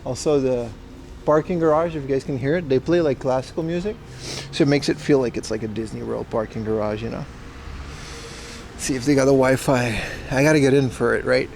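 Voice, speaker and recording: This live-stream host has a mid-range, creaky, slightly mellow voice and talks a little fast into a headset mic. Outdoors near a city parking garage, he rambles in a relaxed way and swears casually, with a bit of hiss or hum in the audio.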